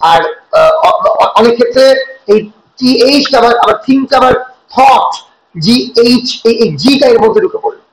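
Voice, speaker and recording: A high-pitched man with a Bengali accent teaches a class, explaining step by step and checking in with rhetorical questions. The room is echoey around his voice. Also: expressive, normal speed. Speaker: college teacher. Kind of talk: lecture in Bengali mixed with English.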